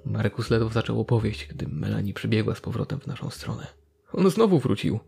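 Casting: male horror narrator, deep and gravelly, steady delivery. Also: quick pace, soft background music. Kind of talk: first-person horror story narration.

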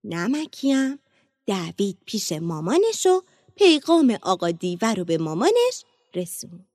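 A woman narrating a children's storybook in a lively, expressive read-aloud manner. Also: medium pitch, dry recording, clean studio sound.

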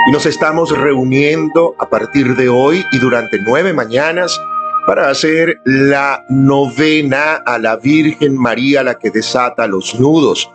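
A man's voice: mid-range voice, fairly bright tone. A man leading a live-streamed devotional prayer, speaking earnestly and inviting his viewers to join in. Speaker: prayer leader. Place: indoors at home, filming on a camera.

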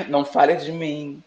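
A man appearing as a drag queen guest chats playfully in campy slang about competing during a casual interview. His voice is on the high side with a fairly bright tone, and the recording is roomy, dull and lo-fi.

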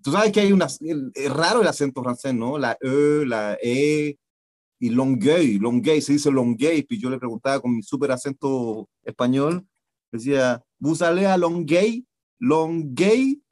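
A man from Chile with a Chilean Spanish accent, a radio guest telling a story in an animated way. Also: medium pitch, normal speed, dry recording. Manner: animated storyteller, acts out voices. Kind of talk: casual anecdote telling.

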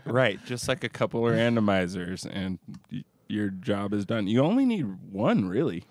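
Male co-host, lowish voice, dry close sound, hesitant and exploratory. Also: sing-song, normal speed, a little mellow, dry recording. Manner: hesitant, thinks aloud, hedges. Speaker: podcast co-host. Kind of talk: casual chat.

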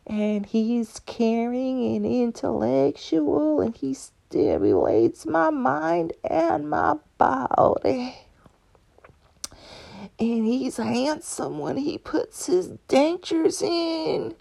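A woman voicing an elderly woman with a Southern accent who slowly and dotingly gushes about her old boyfriend. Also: sits high, big pitch swings, gravelly, dark tone, voice pushed up, heavily acted. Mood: doting, giddy. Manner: slow, drawn-out, doting.

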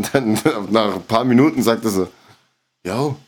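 A man's voice: fairly low pitch, moderate pace. A man, co-hosting a casual podcast, telling a story and laughing often. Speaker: podcast co-host.

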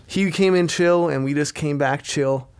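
A man's voice: fairly high pitch, measured pace, darkish tone, smooth. A man in his twenties casually recalling a story in an interview, laid-back and agreeable. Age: 20s.

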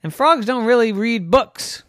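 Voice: medium pitch, lively intonation, measured pace, no echo, clean studio sound, voice pushed up, lightly acted. A storyteller voicing a frog's family, talking in a blunt, matter-of-fact, scolding way. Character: blunt, bossy frog family.

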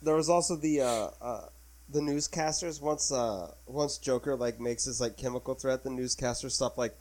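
A man co-hosting a podcast, talking casually about a film with many pauses and filler sounds. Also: mid-range voice, a little mellow. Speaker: podcast co-host.

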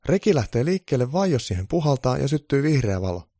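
A man voicing a young female Christmas elf who eagerly explains things in a high voice. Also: big pitch swings, warm tone, dry recording, studio quality. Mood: explaining.

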